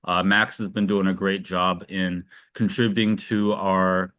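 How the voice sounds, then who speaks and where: Low-voiced man hosting an interview. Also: level tone, measured pace, a bit bright, dry recording, clean studio sound. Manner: loose, filler-heavy, many restarts. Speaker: interview host. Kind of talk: casual online interview.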